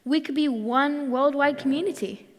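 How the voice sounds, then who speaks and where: A teenage girl from Morocco and Australia giving a clear, rehearsed talk on stage. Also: sits high, normal speed, big-room sound. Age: teens. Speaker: youth speaker. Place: large hall.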